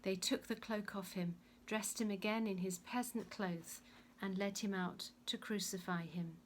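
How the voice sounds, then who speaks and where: A woman reading a Bible story aloud as scripted narration, with measured storytelling. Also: medium pitch, steady tone, a little hiss or hum. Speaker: reader.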